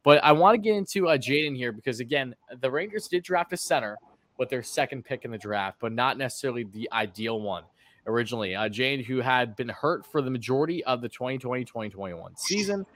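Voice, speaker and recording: A man's voice: medium pitch, lively intonation, quick pace, fairly bright tone. A man hosting a casual livestream chat, greeting viewers and asking his guest long questions. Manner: friendly, thanks viewers, asks long questions. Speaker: livestream podcast host.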